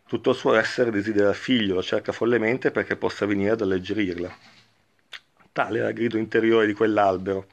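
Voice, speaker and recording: A man giving a reflective spiritual talk and reading a parable aloud, speaking slowly and thoughtfully with frequent pauses. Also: on the low side, steady tone, creaky. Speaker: spiritual teacher.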